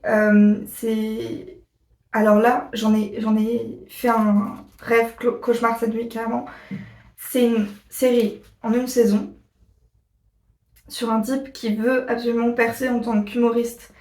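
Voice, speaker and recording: Casual rambly woman vlogger, kinda high voice, lots of ums, roomy echo. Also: level tone, a little mellow, distant mic. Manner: chatty, rambling, often pausing on fillers. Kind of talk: casual chat to camera. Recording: echoey room, voice a bit off-mic.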